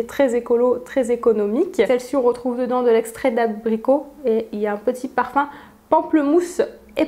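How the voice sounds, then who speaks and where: Chatty young woman, bright higher voice. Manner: chatty, laughs often, frequent fillers. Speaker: beauty vlogger. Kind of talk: casual unboxing chat.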